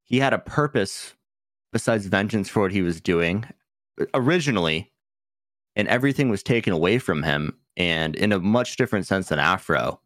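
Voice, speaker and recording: A man's voice: low-pitched, lively intonation, normal speed, fairly bright tone, dry recording, clean studio sound. Laid-back man chatting on a podcast. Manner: laughs often, swears casually. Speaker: podcast co-host. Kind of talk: casual chat.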